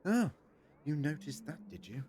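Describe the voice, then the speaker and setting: A man's voice: fairly high pitch, very animated, moderate pace, dark tone. A man playing a wry, eccentric alien adventurer in an audio drama, with a theatrical, wordy delivery. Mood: wry, playful. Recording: noisy mix with effects and ambience.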